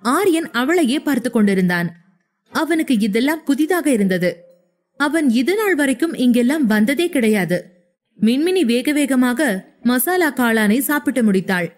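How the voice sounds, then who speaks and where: A woman narrating a scripted audio story in a steady, even reading voice. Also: high-pitched, moderate pace.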